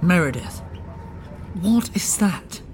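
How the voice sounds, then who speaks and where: A woman's voice: fairly low pitch, lively intonation, slow, darkish tone, faint music behind. A woman playing an anxious, uptight man. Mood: fretful. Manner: fretful, exasperated, apologetic. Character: anxious, uptight thirty-something man, an accountant. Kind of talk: audio drama acting.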